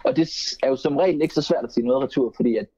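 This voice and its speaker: A man's voice: mid-range voice, dull audio. A man, a stand-up comedian, chatting casually in a studio and acting out hecklers as he tells stories. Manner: lively storyteller, acts out hecklers in raised voices. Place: radio studio.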